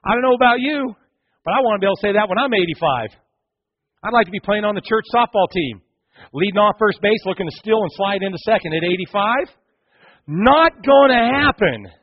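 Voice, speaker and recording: A man's voice: high voice, expressive, fairly quick, no echo, dull audio. A male pastor preaching a sermon, telling the story animatedly and speaking directly to the congregation.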